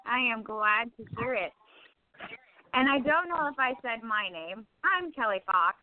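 A woman's voice: fairly high pitch, lively intonation, measured pace. A woman co-hosting a casual online radio talk show, upbeat and friendly as she introduces her guest and asks questions. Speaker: co-host. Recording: phone-line call-in audio.

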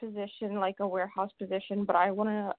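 Hesitant quiet woman on a call-in phone line. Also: medium pitch, little pitch movement, quick pace, dry recording. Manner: hesitant and quiet, spells out her name. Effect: phone line into a radio show. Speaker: caller. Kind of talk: call-in chat. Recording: tinny dry phone line.

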